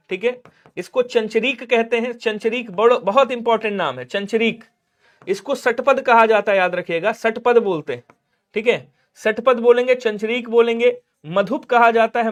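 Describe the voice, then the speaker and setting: A young man teaching a live online grammar class, drilling answers in a brisk, chatty way and talking straight to his students. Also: sits high. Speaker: online exam tutor.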